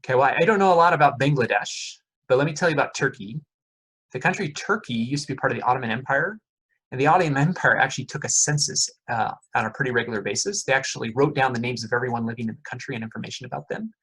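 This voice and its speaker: Speaking very fast in a mid-range voice that's a bit bright with a breathy edge, a middle-aged man who teaches economics holds an easygoing, talkative lecture. He keeps quizzing students and uses lots of fillers like uh and okay, all captured on a low-quality recording.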